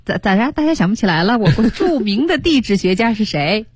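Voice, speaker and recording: A woman co-hosting a bilingual radio English lesson, quizzing listeners, spelling out words and repeating terms slowly. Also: on the high side, big pitch swings, slightly rough, no echo, clean studio sound. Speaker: radio English teacher co-host. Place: radio studio.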